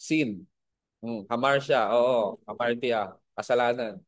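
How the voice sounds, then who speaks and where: A man's voice: mid-range voice, slow. A man teaching a Bible school lesson to a class, spelling out words and asking his students questions.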